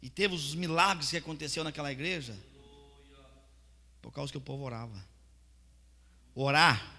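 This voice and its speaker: A male pastor preaches a testimony sermon, his voice gravelly and bright. He swings from hushed storytelling to loud, fervent preaching. The church hall rings with long reverb. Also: on the high side, normal speed.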